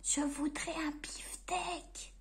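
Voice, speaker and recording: A woman voicing a timid, tiny, quiet man in an unvoiced whisper, as a whispered role-play. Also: sits high, fairly even intonation, extremely slow. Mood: timid pleading.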